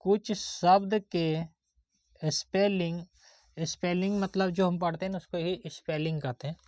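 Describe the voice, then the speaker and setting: In a classroom-style spelling lesson, a woman teacher sounds out words letter by letter and asks checking questions to make sure the pupils follow. Her voice is fairly low and a little mellow, with fairly even intonation and a slightly slow pace. The recording is dry.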